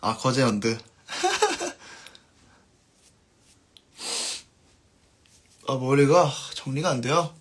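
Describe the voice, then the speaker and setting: Relaxed man chatting on a live stream. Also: medium pitch, extremely slow, pauses often, husky. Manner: relaxed, trailing off softly at line ends. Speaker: band musician hosting a live stream. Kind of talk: casual live-stream chat, reading viewer comments.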